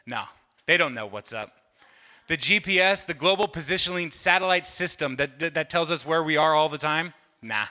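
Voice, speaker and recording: A man's voice: medium pitch, sharp tone. A middle-aged man doing stand-up, rambling through a story with self-deprecating asides, many fillers and restarts, on a hall stage. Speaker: comedian. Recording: long hall reverb from a live venue.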